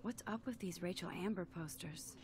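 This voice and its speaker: An actress voicing an introspective, awkward teenage student in a video game, understated, thoughtful and quietly wry. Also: female voice, on the low side, normal speed, far from the mic, a crowd in the background, lightly acted. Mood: friendly, tentative.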